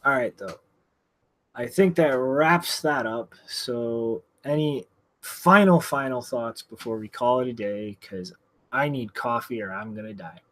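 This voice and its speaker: A man co-hosting a casual podcast, blunt and profane, who also delivers a deadpan mock product announcement. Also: mid-range voice, unhurried. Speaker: podcast co-host.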